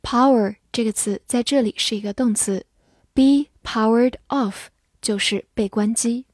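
A woman teaching an English vocabulary lesson, spelling words out and reading example sentences slowly and carefully. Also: on the high side, a little mellow, no room sound, studio quality.

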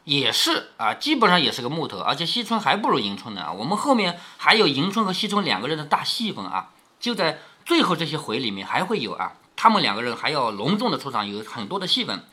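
Lively husky-voiced man reading aloud. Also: a little high, fast. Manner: explanatory, asks rhetorical questions. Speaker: parent reading a classic novel to his daughter. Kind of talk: storybook reading with commentary.

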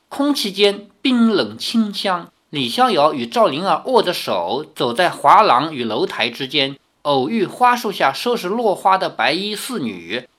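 A man narrating a novel as an audiobook, reading expressively and breaking off for relaxed, chatty asides. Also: high-pitched.

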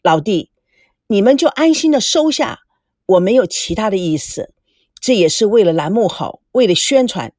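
A woman's voice: medium pitch, lively intonation, moderate pace, a little mellow, dry recording, studio quality, close to an everyday voice. A woman doing a jovial big-brother businessman. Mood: genial. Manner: jovial and fond. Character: indulgent older brother, smooth businessman.

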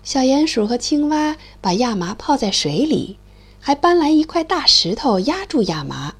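A woman narrating a children's storybook in an expressive, sing-song way. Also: sits high, normal speed, slightly rough.

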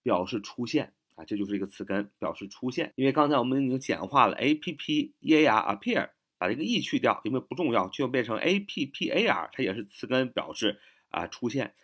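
A man teaching English vocabulary, spelling words out letter by letter and repeating each example sentence slowly. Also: mid-range voice, sing-song, a bit bright. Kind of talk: vocabulary lesson.

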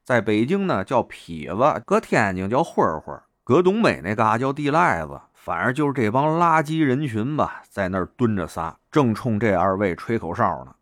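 A man's voice: fairly low pitch, big pitch swings, moderate pace, hardly any pauses, fairly bright tone, no room sound, clean studio sound. A man telling a story in a chatty, colloquial monologue, with heavy erhua.

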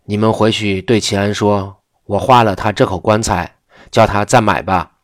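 A man reading the lines of a calm, wry wandering old monk in an unhurried, matter-of-fact way. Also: fairly low pitch, dry recording, studio quality, lightly acted.

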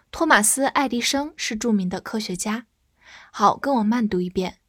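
A woman teaching English vocabulary, spelling words out letter by letter and repeating them slowly. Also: on the high side, dry recording, clean studio sound. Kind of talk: scripted vocabulary lesson.

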